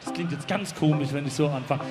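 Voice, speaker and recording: A man's voice: a little high, fast. A German man, a musician performing live at an open-air festival, joking playfully with the crowd between songs. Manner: playful, cheeky, calls out to the crowd. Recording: live concert sound with loud band music.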